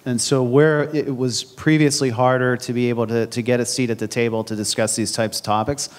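A man in his forties answers panel questions on a conference stage through a handheld mic. His tone is businesslike and even. His pitch sits in an ordinary middle range. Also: a little fast. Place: large conference hall stage. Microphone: handheld microphone.

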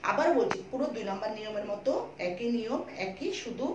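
A fairly high-voiced woman teacher with a Chittagonian Bangla accent walks students through a lesson, repeating each rule slowly and patiently. She sounds a little distant from the mic. The room is echoey, with a faint hiss behind her. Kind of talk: online school lesson.

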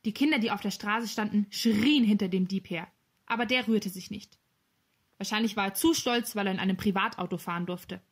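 A woman narrating a children's novel as an audiobook, with clear, lively storytelling. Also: mid-range voice, fairly quick.

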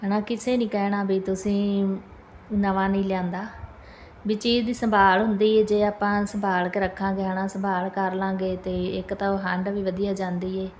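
A Punjabi woman chats through a homely daily vlog. Her mid-pitched voice stays fairly even, and she talks to viewers in a polite, casual way. There is clear ambient noise behind her. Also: normal speed. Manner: chatty, homely, addressing viewers with polite tags. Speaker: family vlogger, mother. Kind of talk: casual home vlog narration.

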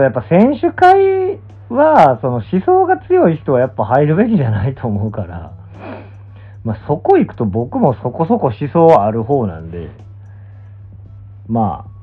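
Phone-like sound, animated Kansai-accented man. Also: mid-range voice, normal speed, pauses often, husky, faint music behind. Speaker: pro gamer and streamer. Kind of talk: casual livestream chat. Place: small indoor room, lying down. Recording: muffled, thin phone-like audio.

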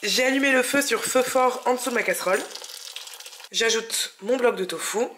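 A young woman with a fairly high voice talks through a recipe in her home kitchen. She sounds chatty and enthusiastic, explaining each step as she goes. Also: moderate pace, noisy background. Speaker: cooking channel host. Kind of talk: casual cooking vlog narration.

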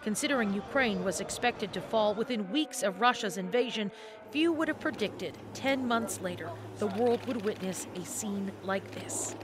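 A woman's voice: mid-range voice, lively intonation, moderate pace. A woman narrating a scripted television news report as a correspondent. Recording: crowd and ambient noise behind voice-over.

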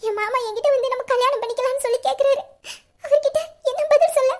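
A woman's voice: very high-pitched, fast talker. A woman acting a young woman about to marry, pleading through sobs in an audio drama. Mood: tearful pleading. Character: young woman, earnest, torn and tearful bride-to-be.

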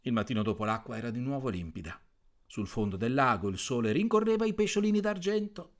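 A priest reading a bedtime story aloud to listeners, telling it expressively with big swings in pitch and loudness. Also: male voice, lively intonation, brisk.

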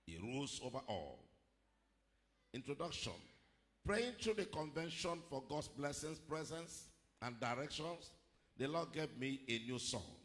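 A man's voice: mid-range voice, very animated, a bit bright. Middle-aged man preaching in a reverberant hall. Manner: measured preaching, rising to emphatic declarations. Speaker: pastor. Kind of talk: sermon. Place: large church hall, indoors. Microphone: handheld microphone at a pulpit.

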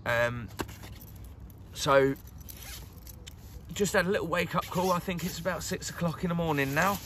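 A middle-aged man chatting excitedly to the camera while fishing by a lakeside, recorded on a handheld camera. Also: fairly high pitch, moderate pace, slight background noise. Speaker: carp angler vlogger. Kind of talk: casual outdoor fishing vlog. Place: lakeside outdoors, crouched by the water.

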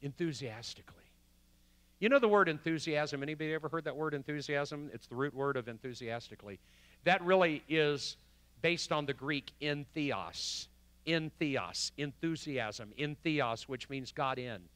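A man preaching a sermon as the pastor in a church, swinging from loud emphasis to hushed quotes. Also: a little high, moderate pace, smooth, dry recording. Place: church sanctuary.

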